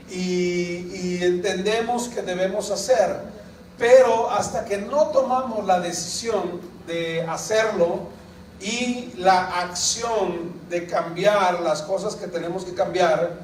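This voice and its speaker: A high-voiced pastor delivers a slow sermon in a church sanctuary, often posing questions and drawing responses from his congregation. He is picked up from some distance in an echoey hall, with a faint hum of people behind him.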